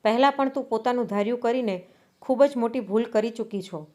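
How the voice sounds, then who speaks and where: A woman's voice: fairly high pitch, brisk, mellow, natural voice. A woman voicing an earnest young husband in a storybook reading, with a pleading, earnest delivery. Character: earnest young husband, hurt but reasonable.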